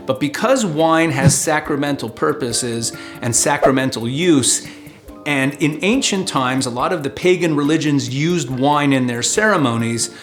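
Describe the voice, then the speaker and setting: A man with a somewhat high-pitched voice delivers a scripted lesson as a rabbi. He explains step by step in a clear teaching manner, with light music playing behind him. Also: unhurried, fairly bright tone. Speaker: rabbi answering questions. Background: background music.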